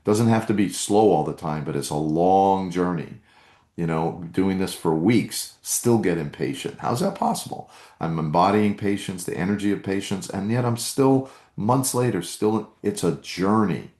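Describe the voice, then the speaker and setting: A man's voice: low-pitched, unhurried, a little mellow, reverberant. A man hosting a live meditation workshop, coaching earnestly and reading out chat comments.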